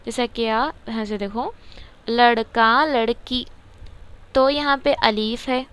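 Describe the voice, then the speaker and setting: Her voice sits on the high side, with fairly even intonation and a clean, slightly bright tone. As a teacher giving a relaxed grammar lesson from a textbook, she keeps repeating words and answering the questions she asks.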